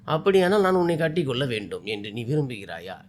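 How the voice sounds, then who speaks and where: A man's voice: mid-range voice, big pitch swings, quick pace, darkish tone, voice pushed down, lightly acted. A man voicing a troubled young husband in a spoken story, firm but caring. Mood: stern.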